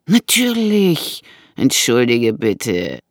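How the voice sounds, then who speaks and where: An audiobook narrator voicing a menacing man with a knife, who taunts slowly and mockingly. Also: medium pitch, lively intonation, dry recording, clean studio sound. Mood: taunting. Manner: slow, taunting, drawn-out delivery.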